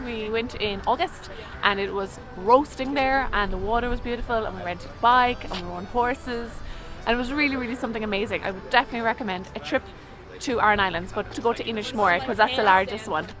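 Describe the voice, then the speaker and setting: A woman from Galway with a west of Ireland accent co-hosts a casual vlog, chatting with enthusiasm. Her voice sits on the high side and she talks fast. Music plays clearly in the background, and the recording quality is low.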